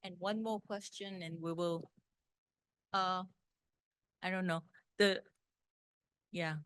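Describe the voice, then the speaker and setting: A woman moderating a conference Q&A, brisk and informal as she picks the next questioner. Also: medium pitch, a bit bright, no room sound. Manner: brisk, informal, laughs easily. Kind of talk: moderating a panel Q&A.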